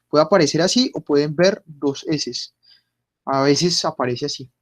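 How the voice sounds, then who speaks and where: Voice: medium pitch, unhurried. A teacher, patiently explaining German pronunciation in an online class and repeating words for the students. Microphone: computer mic on a video call.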